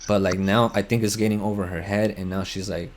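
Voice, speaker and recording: A man's voice: fairly low pitch, flat delivery, a little fast, a little hiss or hum. A young man on a headset in game voice chat, telling a long heated story full of swearing and rambling asides. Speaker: gamer telling a personal story. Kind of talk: casual chat over game voice chat.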